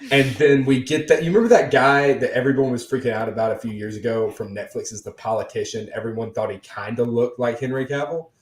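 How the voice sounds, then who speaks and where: A young man in his late teens with a mid-range voice pitches jokey ideas on a podcast panel. His voice echoes around the room, and he sounds playful throughout. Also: quick pace, hardly any pauses. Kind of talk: casual panel chat.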